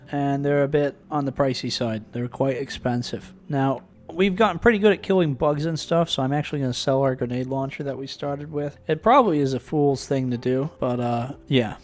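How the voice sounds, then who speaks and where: Young man, casual let's play commentary, chatty, self-deprecating, mid-pitched voice. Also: darkish tone. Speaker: gaming video host.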